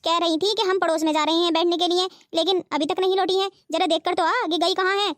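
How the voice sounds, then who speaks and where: A woman's voice: very high-pitched, fairly even intonation, fast talker, no room sound. A woman voicing an elderly, stingy mother-in-law in a cartoon who grumbles and scolds. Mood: scolding. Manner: scolding, complaining. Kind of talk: cartoon voice acting.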